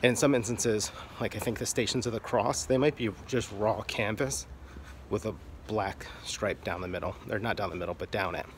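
A man's voice: on the low side, steady tone, moderate pace, a little hiss or hum. A man giving casual, frank explanatory talk about art in an offhand, irreverent manner. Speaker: artist and video creator.

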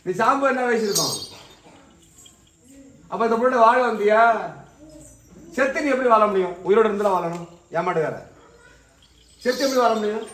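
A man's voice: high-pitched, moderate pace, long pauses, fairly bright tone. A man leading an exorcism ritual, a priest who commands and repeats his questions insistently. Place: shrine. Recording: echoey room, distant mic.

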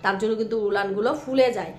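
A hoarse woman vlogging by a cowshed, chatting affectionately with her viewers and often asking if they follow. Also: medium pitch, quick pace, a little mellow. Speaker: village life vlogger. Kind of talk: casual vlog chat to viewers.

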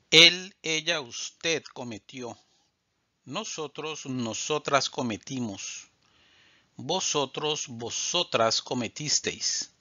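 A man teaching Spanish verb forms in a slow scripted drill, saying each form deliberately and clearly. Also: on the high side, pushed and bright, no echo. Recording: dull lo-fi sound.

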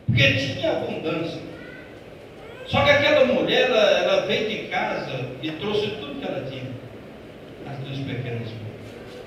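A Brazilian Portuguese pastor with a fairly high, lively voice preaches a Pentecostal sermon in a church sanctuary, recorded muffled and from a distance in a big echoing hall with ambient noise beneath. He swells from quick, hushed asides into loud, slow, drawn-out declarations, addressing listeners as "irmão" and asking them questions.

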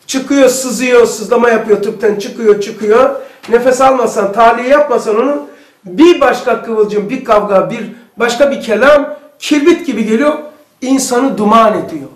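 High-voiced man giving an echoey religious lesson. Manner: animated storytelling, acts out quoted speech. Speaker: religious teacher.

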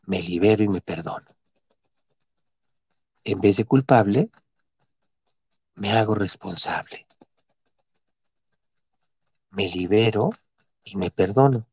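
A middle-aged man leads a guided mantra and movement practice, calling out instructions and chanting syllables for others to repeat. He speaks very slowly, each phrase drawn out. The sound is dry and close, with no room around it. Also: fairly low pitch, a little mellow, slightly rough, dry recording. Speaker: meditation and breathwork guide.

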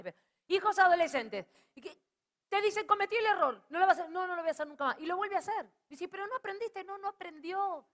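High bright Argentine woman preaching. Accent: Rioplatense Spanish. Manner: rousing, calls out to the audience. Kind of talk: sermon.

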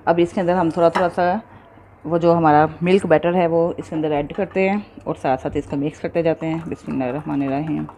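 Lady doing a cooking tutorial, lowish mellow voice, patient step by step, bit of background hiss. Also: steady tone, fast. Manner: patient, explains each step, checks in with viewers. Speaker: cooking show host.

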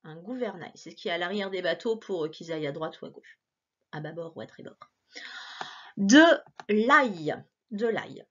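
A woman teacher giving a recorded reading lesson to a child, encouraging and playful, stretching out words slowly. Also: fairly low pitch, breathy edge, muffled recording. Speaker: primary school teacher.

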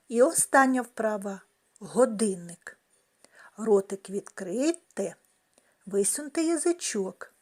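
A woman teaching young children a speech-sounds lesson, talking slowly and carefully in a sing-song way. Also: mid-range voice, a little mellow, slightly rough. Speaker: kindergarten teacher.

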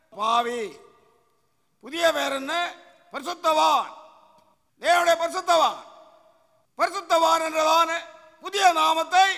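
A man's voice: very high voice, vocal fry, pushed and bright. A male pastor preaching a sermon in a church, emphatic and repetitive, posing questions and answering them himself. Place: church sanctuary. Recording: echoey church hall.

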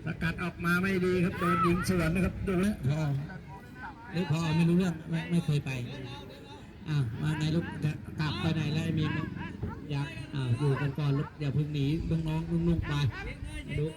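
This Thai commentator keeps up casual, joking banter with nearby people while covering a local football game outdoors. His pitch barely moves, he speaks at a normal speed, and a loud crowd fills the recording.

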